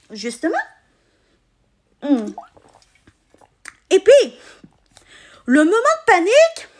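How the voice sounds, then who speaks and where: A woman with a Québécois French accent chats to her vlog viewers in a high voice. Her pitch moves up and down a lot while the pace stays slow. She explains things casually, halting mid-sentence as she goes. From Quebec, Canada. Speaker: vlogger. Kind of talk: casual personal storytelling to camera.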